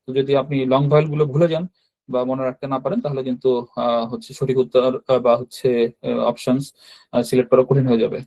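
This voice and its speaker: A man teaching a language class over a video call, explaining quiz answers with frequent fillers and quick self-corrections. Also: mid-range voice, flat delivery, warm tone. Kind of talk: online class lesson.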